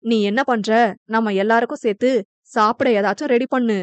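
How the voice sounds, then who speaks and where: A woman's voice: fairly high pitch, fairly even intonation, normal speed, dry recording, natural voice. A woman voicing a sly father-in-law speaking casually to his wife.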